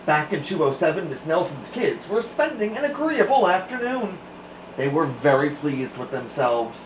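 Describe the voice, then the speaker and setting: A man hosts a children's story time with a very animated delivery. His voice sits a little high and moves freely up and down. He sounds expressive and chatty, recorded in a roomy space with faint noise behind him. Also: normal speed. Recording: echoey room, faint background noise.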